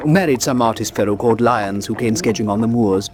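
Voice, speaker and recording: A man's voice: fairly low pitch, a little fast, background noise, lightly acted. A man playing a genial, gossipy English country doctor with clipped old-fashioned phrasing in a radio drama. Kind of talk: classic radio drama acting.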